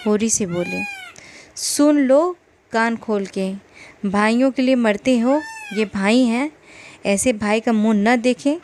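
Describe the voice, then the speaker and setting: A woman narrates a classic novel as an audiobook in a measured storytelling voice. Her pace is slow and unhurried. Faint noise sits behind her. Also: medium pitch, darkish tone.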